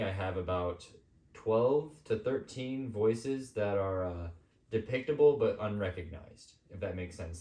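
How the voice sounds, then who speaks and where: A man hosting a podcast, talking casually and personally in an informal, somewhat halting way. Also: deep voice, a little mellow. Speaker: podcast host. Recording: echoey room.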